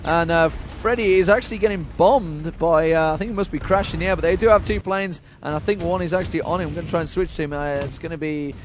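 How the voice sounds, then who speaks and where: A male esports caster rattles off play-by-play at a brisk clip, his voice sitting high. He calls the action live from a LAN event, with faint background noise. His delivery is quick and chatty, with frequent chuckles. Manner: rapid play-by-play, chuckles often. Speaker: esports commentator. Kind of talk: live game commentary. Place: noisy LAN event hall.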